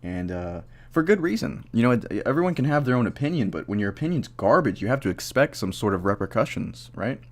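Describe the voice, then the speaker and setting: A tipsy young man giving a casual, rambling movie review, halting, swearing freely and losing his train of thought. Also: medium pitch, very animated. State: drunk, tipsy. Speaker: amateur film reviewer.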